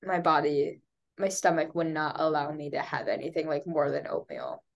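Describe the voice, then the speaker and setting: A young woman with a low-pitched, creaky voice and fairly even intonation co-hosts a podcast at a moderate pace, sounding congested through dull audio. She chats casually and rambles, with lots of fillers and restarts and frequent laughs.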